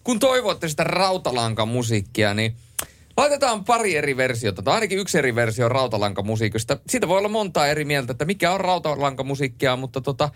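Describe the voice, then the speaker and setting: A man's voice: medium pitch, sing-song, fairly bright tone, no room sound. A man hosting a late-night radio talk show, announcing songs and chatting with his co-host, with hesitant fillers.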